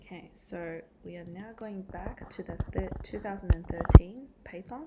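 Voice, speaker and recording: A woman's voice: lowish voice, moderate pace, very noisy. A woman teacher giving a recorded catch-up lesson, explaining step by step with frequent ums and uhs. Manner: explains step by step with many fillers.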